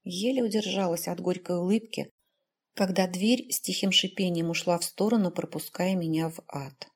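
A woman narrating a first-person fantasy novel as an audiobook, in a measured, even storytelling manner. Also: lowish voice, breathy edge.

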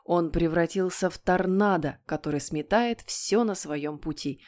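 A woman narrating a children's audiobook in an expressive, lively way. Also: lowish voice, measured pace. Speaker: audiobook reader.

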